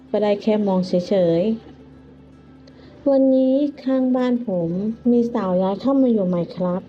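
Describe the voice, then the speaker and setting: A woman narrating a story in a gentle, chatty way, telling it in the first person as an old man, in a dull lo-fi recording. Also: medium pitch. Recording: dull lo-fi with music.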